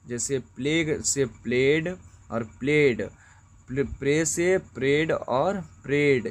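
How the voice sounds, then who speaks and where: A man with a Bihari accent teaching grammar rules, speaking in a slow, methodical way and repeating each example word twice. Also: mid-range voice. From India. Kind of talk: explaining grammar rules to students.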